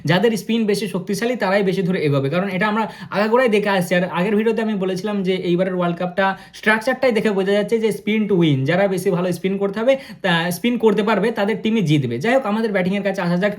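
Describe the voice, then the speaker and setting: A man, talking fast and excitedly as he reviews a cricket match and speaks straight to his viewers. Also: high voice. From India. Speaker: cricket vlogger.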